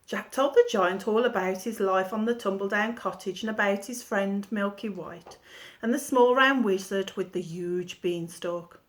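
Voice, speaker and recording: A woman teacher with a medium-pitched voice reads a children's storybook aloud, telling the story expressively.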